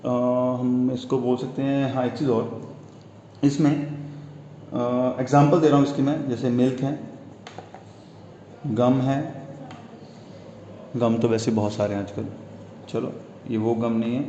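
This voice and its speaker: Slow-talking Indian man teaching a class. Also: medium pitch, flat delivery, warm tone, a little hiss or hum. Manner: explains slowly, often checks "clear?" and calls students "beta". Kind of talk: Hinglish classroom lecture. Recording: echoey room, slightly dull sound.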